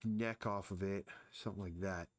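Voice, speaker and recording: A man's voice: low-pitched, steady tone, normal speed, dry recording. A man casually thinking aloud as he sketches and explains anatomy during a live drawing stream. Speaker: artist streaming his drawing.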